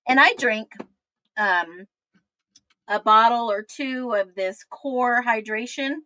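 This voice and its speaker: Casting note: emphatic woman in her fifties, crime commentator, bright forceful tone, dry close sound. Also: a little high, slow pace, no echo. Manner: emphatic, repetitive, chatty asides. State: thirsty, getting over the flu. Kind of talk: casual livestream commentary.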